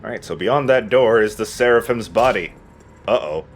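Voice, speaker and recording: With a lowish voice, animated and at normal pace, this man casually narrates his gameplay in a self-deprecating let's-play style. Slight background noise can be heard.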